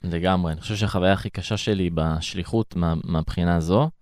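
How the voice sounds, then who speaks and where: A young man with an Israeli accent, a former emissary abroad, reflects earnestly on his experiences as an interview guest in conversational storytelling. His voice sits low with a darkish tone, captured in a dry, clean studio recording.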